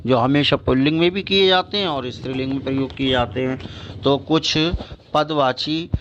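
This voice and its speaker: A man teaching a school grammar lesson, slowly listing example words and checking understanding as he goes. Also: medium pitch, fairly bright tone, slight background noise. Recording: dull lo-fi recording.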